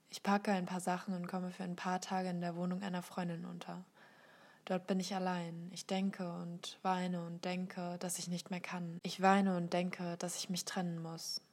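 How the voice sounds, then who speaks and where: A woman reads a personal essay aloud in a soft, slow, measured way, her voice often sinking into a whisper. Her voice sits fairly low and stays flat and even, with little rise and fall. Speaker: reader of a guest text.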